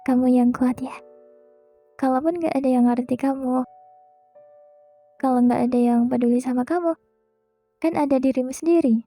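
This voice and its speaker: A young woman hosting a podcast, speaking a gentle, reassuring monologue straight to the listener. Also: high-pitched, fairly even intonation, moderate pace, pauses often, soft background music. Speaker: podcast host. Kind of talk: soft comforting monologue.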